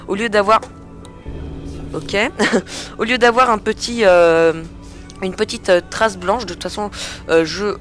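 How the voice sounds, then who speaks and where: A truck-simulator gameplay commentator talks casually into a headset mic in a medium-pitched, slightly bright voice. The chatty commentary is hesitant and full of filler sounds, with frequent grumbling at other drivers in the truck-driving game.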